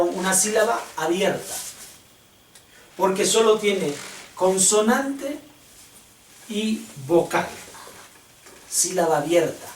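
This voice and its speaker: A male teacher explains step by step at an unhurried pace. His voice is heard from some distance in an echoey classroom with a faint hiss underneath. He keeps stopping to ask if his students follow. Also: high voice. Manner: slow, patient, checks understanding with questions. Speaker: Hebrew teacher. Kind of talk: classroom lesson.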